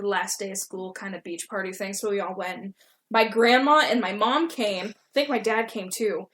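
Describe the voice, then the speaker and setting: A young woman reading her own old story aloud in an embarrassed, giggly way, acting out dialogue and adding casual self-mocking asides. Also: on the high side. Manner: voices dialogue animatedly.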